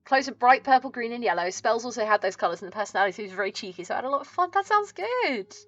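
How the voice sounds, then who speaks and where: A woman's voice: fairly high pitch, rapid-fire, no echo, highs cut off. A woman with a southern English accent chatting casually as a livestream host, chirpy and friendly in a cute streamer manner.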